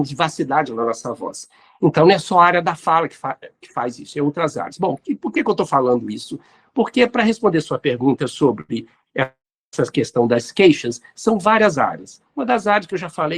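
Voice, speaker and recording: A man, hosting and answering listener questions in an explanatory talk on neuroscience and spirituality. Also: a little high. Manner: didactic, addresses listeners directly.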